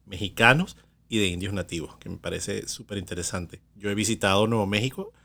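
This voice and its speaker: A man co-hosting a casual podcast. His voice sits a little low, and he talks in a chatty, digressive way full of small restarts and asides. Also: fairly quick, creaky, pushed and bright. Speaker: podcast co-host.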